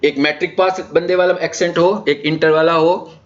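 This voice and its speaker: The trainer's voice runs on the high side with fairly even intonation and an ordinary speed, marked by a Pakistani accent. Leading an orientation session on digital marketing, he lectures informally, explaining points and posing rhetorical questions, recorded in muffled, low-fidelity sound.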